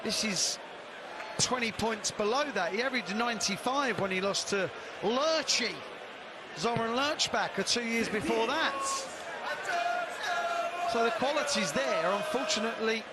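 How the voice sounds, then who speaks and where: A man's voice: very high-pitched, lively intonation, a little slow, long pauses. A man giving live darts commentary with conversational analysis of play. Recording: loud crowd noise behind commentary. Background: noisy darts crowd.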